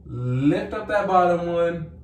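A man's voice: a little high, slow pace. A young man in his twenties chatting casually and expressively, walking viewers through a demonstration like a vlogger. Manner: playful, expressive, exclaiming. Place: small home bathroom, indoors. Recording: roomy bathroom echo, faint noise.

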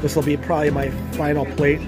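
A man's voice: a little high, completely flat delivery, fast talker, loud music behind the voice. A man hosting a casual food-review vlog, chatting and rambling while he eats at a buffet restaurant. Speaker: vlog host. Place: buffet restaurant, then outdoors.

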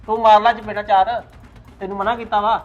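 A man's voice: high-pitched, little pitch movement, a little fast, soft background music, lightly acted. Man playing a sulky defensive son. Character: defensive young Punjabi man denying drug use. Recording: dull lo-fi sound.

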